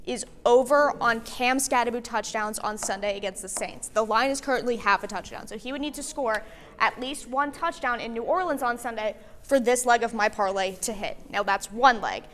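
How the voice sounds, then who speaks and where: A young woman sports reporter with a slightly high, bright voice, delivering her reports in a clear and upbeat broadcast style. She moves between interview questions and anchored segments with steady energy. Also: normal speed, a little hiss or hum.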